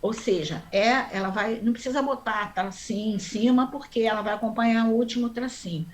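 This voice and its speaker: A woman's voice: fairly high pitch, a little hiss or hum. A woman teaching a Sanskrit class online, explaining step by step and often checking in with her students. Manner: chants mantra syllables slowly.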